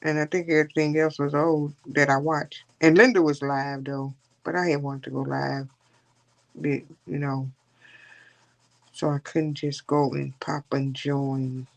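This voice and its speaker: A woman's voice: low voice, level tone, a little slow, gravelly. A woman hosting a casual coloring livestream, rambling and chatting with her viewers. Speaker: livestream host.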